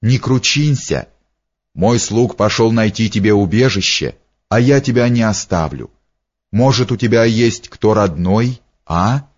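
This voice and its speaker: A man's voice: fairly low pitch, expressive, unhurried. A man voicing an earnest, impulsive young prince who speaks in short, blunt phrases. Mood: tender. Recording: dull lo-fi recording.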